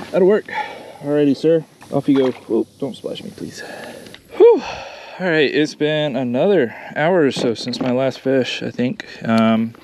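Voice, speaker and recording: A man's voice: medium pitch, creaky. A man with a Southern US accent chatting casually to a phone camera from his kayak on a lake while fishing, rambling and poking fun at himself. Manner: chatty, rambling, self-deprecating. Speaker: kayak bass angler. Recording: outdoor phone recording with loud insect noise. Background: insects and outdoor ambience.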